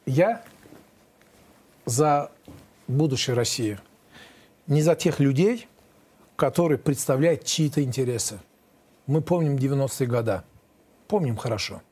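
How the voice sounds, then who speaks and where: A man in his fifties, a lawyer being interviewed, answering in a halting, repetitive, defensive way. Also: mid-range voice, mellow, slightly rough. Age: 50s. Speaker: lawyer, guest.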